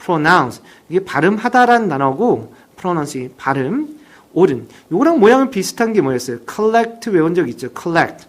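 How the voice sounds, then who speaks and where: A teacher giving a recorded vocabulary lesson, reading example sentences slowly and having listeners repeat each word. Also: medium pitch, big pitch swings. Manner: reads example sentences slowly, then drills words for repetition; explains in plain, chatty teacher talk.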